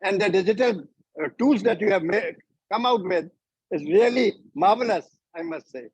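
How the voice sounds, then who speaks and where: A man's voice: high-pitched, moderate pace, darkish tone, husky, no echo, poor audio. A man in his seventies from Myanmar on a group video call, talking in an effusive, formal and grateful way. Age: 70s. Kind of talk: casual chat.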